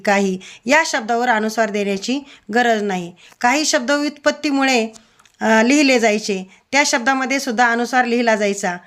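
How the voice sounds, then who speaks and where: A woman with a Marathi accent teaching a lesson, reading out rules and word lists one word at a time in a measured, scripted way. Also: on the high side, fairly bright tone.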